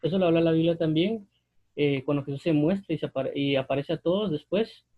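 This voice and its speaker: A man giving an unscripted Bible commentary, pausing often with fillers and restarts as he explains a passage. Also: a little high, phone-quality sound. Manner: hesitant, many fillers and restarts. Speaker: Bible teacher.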